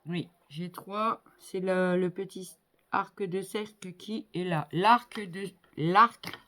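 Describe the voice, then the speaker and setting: Slow-talking chatty woman. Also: fairly low pitch, steady tone. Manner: chatty, thinking aloud, many fillers. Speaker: crafter building a model kit. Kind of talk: casual hands-on crafting commentary.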